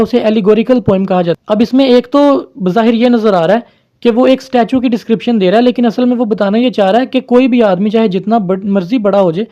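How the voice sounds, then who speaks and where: Teacher, male, high and mellow voice, calm explainer, dull lo-fi recording. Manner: mixes English terms into explanations, addresses viewers as friends. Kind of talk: explaining a poem to viewers.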